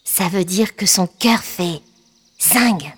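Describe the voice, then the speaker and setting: A woman's voice: fairly low pitch, takes it slowly, breathy edge. A woman voicing a scrappy, tomboyish little fairy girl, earnest and a bit scolding. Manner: earnest, scolding, explains patiently.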